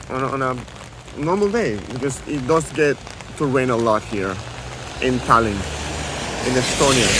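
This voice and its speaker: Walking in the rain beneath an umbrella, a Venezuelan-raised man vlogs about his travels into a handheld camera held near his face. His mid-range voice meanders through lots of fillers and false starts, with rainfall loud on the outdoor mic.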